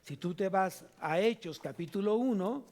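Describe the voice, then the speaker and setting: Preaching a sermon as pastor in a church sanctuary, a man with a Mexican Spanish accent speaks in a high, expressive voice at a moderate pace. He is emphatic, repeats key phrases, and moves between loud and soft delivery.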